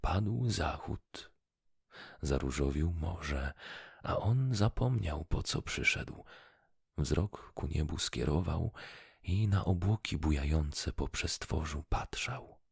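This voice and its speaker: Slow gravelly male storyteller. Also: a bass voice, animated, no echo, studio quality. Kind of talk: reading a fairy tale aloud.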